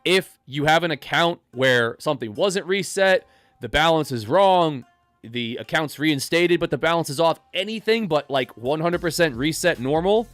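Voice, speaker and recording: A man's voice: on the high side, lively intonation, normal speed, fairly bright tone, no echo, soft background music. A man hosting a live day-trading stream, sick with a cold and sounding nasal, chatting casually and greeting viewers by name. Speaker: day trading livestream host.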